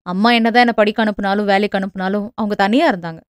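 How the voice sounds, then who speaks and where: A woman voicing a gentle young village man, a devoted son, speaking low and earnestly. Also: steady tone, very fast, smooth, dry recording, studio quality, close to an everyday voice.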